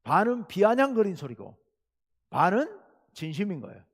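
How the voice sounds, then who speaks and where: A male pastor preaching a Wednesday sermon, animated and acting out quoted lines with sudden loud bursts. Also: high voice, moderate pace. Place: church sanctuary. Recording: church hall reverb.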